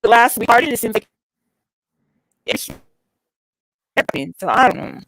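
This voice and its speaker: A woman's voice: a little high, animated, moderate pace, a bit bright, slight background noise. A woman co-hosting a casual live stream over an online call, her audio glitching and sounding robotic as it breaks up. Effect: glitchy, robotic-sounding call audio that keeps breaking up. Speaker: co-host.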